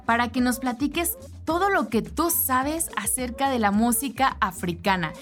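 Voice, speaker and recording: A woman's voice: fairly high pitch, normal speed, fairly bright tone, faint music behind. A Mexican woman hosting a radio interview in a studio booth, friendly and chatty. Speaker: radio host. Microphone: studio microphone.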